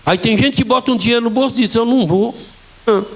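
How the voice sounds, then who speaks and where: A middle-aged pastor with a Bahian accent preaches in a church, his voice sitting notably high for a man. He tells his own story with fervour and plays out each exchange in it. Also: rapid-fire, fairly bright tone. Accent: Bahian Portuguese. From Bahia, Brazil. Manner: fervent storytelling, acting out dialogue. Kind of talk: impassioned sermon with testimony.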